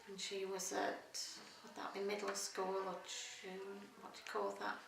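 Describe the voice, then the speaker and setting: A woman's voice: medium pitch, completely flat delivery, moderate pace, vocal fry. A middle-aged woman from Yorkshire with a Yorkshire accent, chatting casually in an interview and often searching for words. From Doncaster, Yorkshire, England. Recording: roomy sound from a distance, faint noise.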